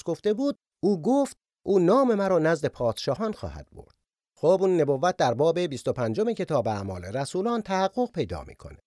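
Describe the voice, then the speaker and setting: Give me a male Bible teacher with a high, lively voice and a dry sound. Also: dry recording. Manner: retells scripture scenes with lively quoted voices.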